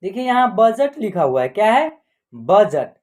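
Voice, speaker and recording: A man's voice: sits high, very animated. A man teaching a Hindi reading lesson, patiently spelling out each letter and word. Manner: patient, repetitive, spells words out slowly.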